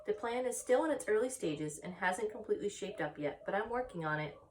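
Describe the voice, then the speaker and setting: A woman voicing a wise, protective female spider for a storybook, crisp and emphatic, firm and reassuring. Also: mid-range voice, animated, a little fast, a little mellow, far from the mic, a little hiss or hum, natural voice. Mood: cool, assured.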